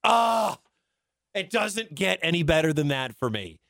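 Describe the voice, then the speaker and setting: Chatty sports radio host, dry studio sound. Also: male voice, on the high side, big pitch swings, unhurried, gravelly, fairly bright tone, no echo. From Detroit, grew up in Wisconsin. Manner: chatty, storytelling, laughs often. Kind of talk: casual radio talk.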